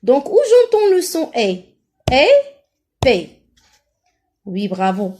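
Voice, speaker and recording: A woman's voice: fairly high pitch, big pitch swings, darkish tone. A woman with a Moroccan French accent teaching a first-grade phonics lesson, stretching out syllables and encouraging her pupils. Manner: slow, drawn-out syllables, encouraging. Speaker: primary school teacher.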